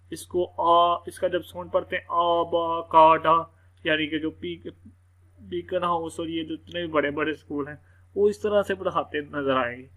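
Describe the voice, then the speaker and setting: This is a relaxed screen-recorded English reading lesson led by a man whose high voice has a fairly bright tone. He repeats himself and leans constantly on the filler "theek hai." The recording is low quality.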